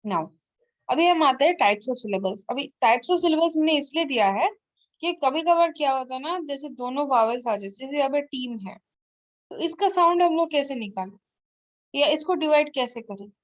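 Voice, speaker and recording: A woman's voice: high-pitched, animated, moderate pace. A woman with an Indian accent teaching an online lesson, explaining patiently and spelling words out letter by letter. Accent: Indian English. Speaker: English teacher. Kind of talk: online lesson mixing Hindi and English.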